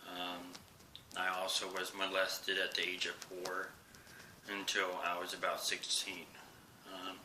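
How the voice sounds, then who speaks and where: Very low-voiced man, halting and tense. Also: monotone, a little hiss or hum, rough recording. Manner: halting, with many pauses and fillers; drops to a soft whisper at times. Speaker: vlogger. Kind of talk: personal confessional vlog. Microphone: camera he faces while recording.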